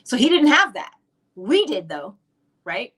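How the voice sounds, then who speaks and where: This middle-aged woman from Barbados has a slightly high, husky, somewhat bright voice with a sing-song lilt and a measured pace. Speaking with a Barbadian accent, she delivers an emphatic monologue on manifestation, teaching spiritual law through plenty of rhetorical questions.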